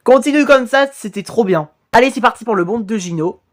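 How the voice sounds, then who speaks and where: A woman giving casual reaction commentary on fan cartoon episodes. Her talk is chatty and enthusiastic, with a lively, bouncing pitch. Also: a little fast. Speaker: YouTube reactor.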